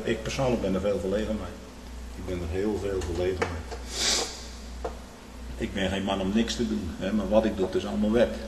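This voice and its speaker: A man's voice: lowish voice, a little hiss or hum. Man preaching in an echoing church. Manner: tags phrases with "hè", swings from loud emphasis to hushed. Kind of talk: sermon. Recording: echoey hall with long reverb.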